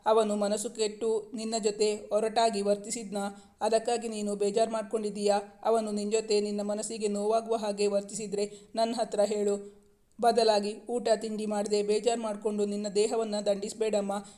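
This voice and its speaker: A woman reading the lines of a caring middle-aged mother-in-law in an audiobook, softly consoling. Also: medium pitch, monotone, normal speed, close to an everyday voice. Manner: consoling, soft-spoken.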